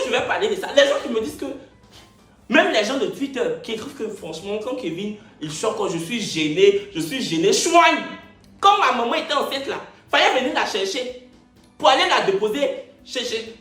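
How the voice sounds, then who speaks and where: Animated Ivorian man telling a funny story. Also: extremely high pitch, roomy sound. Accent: Ivorian French. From Ivory Coast. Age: 20s. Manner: animated, joking, repeats phrases. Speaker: YouTuber. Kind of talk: comic storytelling vlog.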